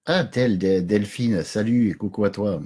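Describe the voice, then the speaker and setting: Low husky-voiced man hosting a live chat. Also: moderate pace, warm tone. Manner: chatty, jokey, chuckles often. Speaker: live stream host. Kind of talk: casual live chat greeting viewers.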